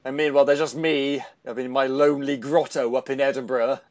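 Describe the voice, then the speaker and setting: A man's voice: medium pitch, flat delivery, lo-fi sound, crowd noise. A man hosting a podcast, theatrical and jokey in casual chat. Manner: theatrical, rapid-fire jokey. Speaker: podcast host.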